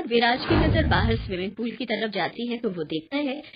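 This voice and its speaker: A woman narrating a cartoon horror story in a dramatic, expressive way. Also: a little high, normal speed, loud music behind the voice. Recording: muffled, with a clear hiss.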